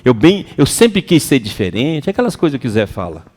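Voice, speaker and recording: A man with a Brazilian Portuguese accent giving a lively, colloquial seminar lecture to an audience. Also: mid-range voice, a little fast. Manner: animated and colloquial, acts out quoted voices. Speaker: seminar speaker. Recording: reverberant hall.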